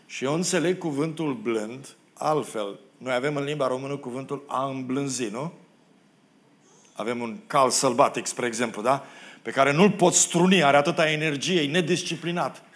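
A pastor from Romania preaching a sermon in a church, acting out the quoted biblical figures and making self-deprecating asides to the congregation. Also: male voice, medium pitch. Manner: expressive preacher who acts out the biblical quotes. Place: church hall.

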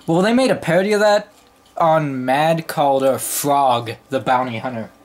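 A woman giving casual commentary over a shooter game, excitable and prone to loud exclamations. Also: a bass voice, moderate pace. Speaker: gameplay commentator.

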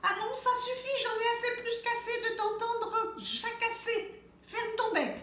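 Storybook: woman doing a loud, shrill mother hen, bossy and fed up. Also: steady tone, measured pace, roomy sound, exaggerated voice. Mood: exasperated. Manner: shrill scolding.

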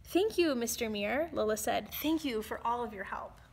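A woman's voice: fairly high pitch, expressive, normal speed, gravelly. A woman voicing a curious, eager young girl asking questions in a storybook reading. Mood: grateful.

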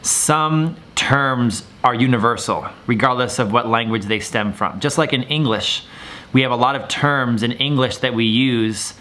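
A man's voice: mid-range voice, sharp tone. A young man, a martial arts instructor, explaining terms in a video lesson and repeating words for viewers to copy.

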